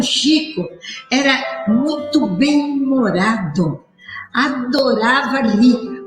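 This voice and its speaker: A woman's voice: on the high side, roomy sound, poor audio. A woman in a documentary interview, fondly reminiscing about someone she knew.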